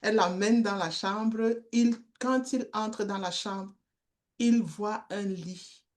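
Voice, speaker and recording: Slow-spoken woman telling a story. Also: medium pitch, fairly even intonation, darkish tone. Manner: slow, halting, with repeated words. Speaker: guest speaker, street-children worker. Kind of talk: storytelling testimony.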